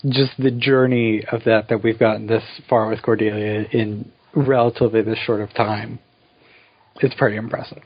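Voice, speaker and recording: On dull, lo-fi podcast audio, a man co-hosting a casual chat show talks things through thoughtfully and guides its segments. His voice sits on the low side, level in tone and moderate in pace, with a breathy edge.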